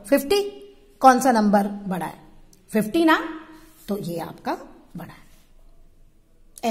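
With a high-sitting voice trailed by long reverb, a patient female math teacher walks through a board lesson one step after another. She keeps asking her students questions, then supplying the answers herself.

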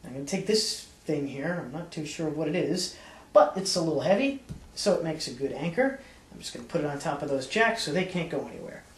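A man's voice: a little high, lively intonation, a little fast. A young man giving casual card magician patter, walking viewers through a trick step by step to the camera. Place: indoor home dining room with hard floor. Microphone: camera mic from a few feet away. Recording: echoey room, camera at a distance.

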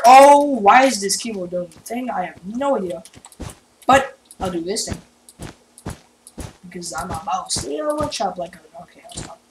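A woman giving casual gameplay commentary on her channel, chatty and excitable, jumping between loud outbursts and mumbled asides. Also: medium pitch. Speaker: gaming channel host. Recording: roomy, distant mic with loud background noise and keyboard clicks.

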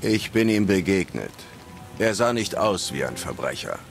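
Gruff monster hunter in a fantasy game, really low gravelly voice, deadpan, few words. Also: male voice, normal speed, soft background music, exaggerated voice. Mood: stoic, dry. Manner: laconic, deadpan. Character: terse stoic male monster hunter, gruff and dry. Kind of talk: scripted video game dialogue in German dub.

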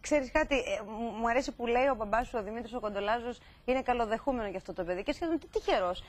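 A woman's voice: a little high, animated. A woman hosting a television chat show in a studio, coaxing and teasing her guests. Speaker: host.

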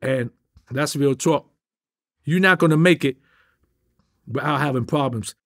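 In an indoor studio with a drum kit, a middle-aged New York man tells animated street stories as an interview guest, streetwise and emphatic, heavy on slang and gesturing as he talks. His voice is medium-pitched and a little slow.

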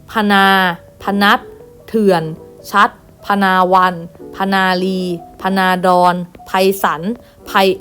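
Female primary teacher, patient list-reading lesson voice, mid pitch, faint music underneath. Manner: patient, reads each word aloud and repeats with gentle "na kha" tags. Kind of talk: online class lesson, reading word lists.

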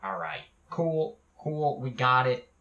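A man's voice: mid-range voice, lively intonation, slow, bright, forceful tone. Young man rambling in an echoey room. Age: young adult. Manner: rambling and profane, with restarts. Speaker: gaming YouTuber. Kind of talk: casual vlog talk. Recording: echoey, dull lo-fi home recording.

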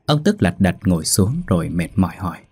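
A man who hosts a ghost story channel, narrating a folk ghost tale in a steady, dramatic manner. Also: deep voice, fast talker, husky. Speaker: storyteller host.

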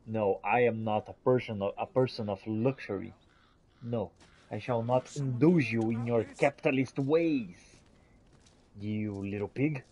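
A man with a mid-range, slightly slow and mellow voice roleplays as a game character while commentating his gameplay. He talks theatrically to the characters in the game.

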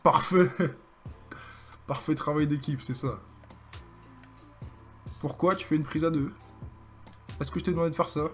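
Excitable young French gaming streamer. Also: male voice, a little high, measured pace, long pauses, faint music behind. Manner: excitable, joking, hyping his own plays. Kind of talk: live gameplay commentary.

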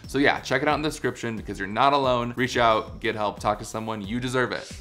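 A man's voice: mid-range voice, fast talker, bright, forceful tone. A man hosting a video, talking to camera in a chatty, enthusiastic way. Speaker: video host, interviewer. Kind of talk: casual vlog talk to camera. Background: music.

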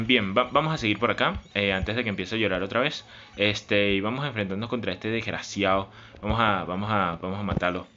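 A man's voice: on the low side, sharp tone, a little hiss or hum. Emotional young man narrating gameplay. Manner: dramatic and emotional, pleading and lamenting. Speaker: gaming YouTuber. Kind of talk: Let's Play commentary. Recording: slightly dull recording with game music behind.

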